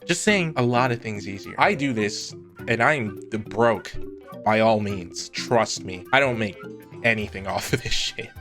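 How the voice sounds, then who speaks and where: A man's voice: lowish voice, unhurried, music in the background. A man hosting an online video in casual chat, with a sarcastic, teasing, mock-polite manner. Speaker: online content creator hosting a comment-reading video. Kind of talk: casual chat reacting to comments, with a sponsor read.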